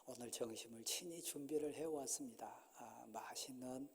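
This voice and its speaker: Husky, dark-voiced man pastor in reverberant church. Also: medium pitch. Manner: halting, many drawn-out "ah" pauses. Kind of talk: church announcements and prayer. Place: church sanctuary. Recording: long hall reverb in a church.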